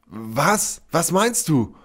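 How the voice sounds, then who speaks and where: A man's voice: on the high side, big pitch swings, very slow, a bit bright, pitched above the performer's own voice, full character voice. A man playing an anxious, bewildered man. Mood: panicked. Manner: tense and pleading.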